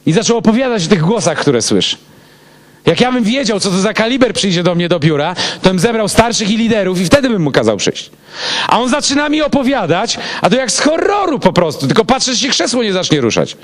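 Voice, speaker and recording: A pastor telling a personal story in a casual, animated way. His pitch rides up and down as he acts out every voice in the exchange. He is a man with a slightly high voice. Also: brisk. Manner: animated, acts out both sides of the dialogue.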